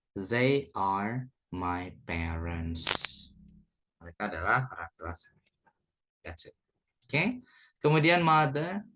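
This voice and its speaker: A young man with an Indonesian accent teaching a beginner English lesson, slowly repeating each word and mixing English into his explanations. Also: lowish voice, a bit bright. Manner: slow, repeats words, mixes English into explanations.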